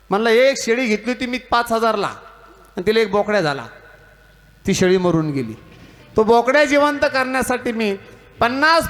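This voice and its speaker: Marathi guy preaching a kirtan, high voice, teasing the crowd with funny stories. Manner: storytelling with jokes and mimicry, teasing the audience. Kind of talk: humorous devotional sermon.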